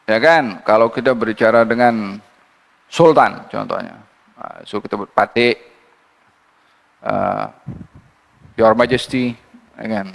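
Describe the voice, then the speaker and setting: A man giving a Quran commentary lecture, reciting verses slowly and then explaining them in a lively teaching voice. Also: fairly low pitch, gravelly. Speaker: religious teacher. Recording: long hall reverb.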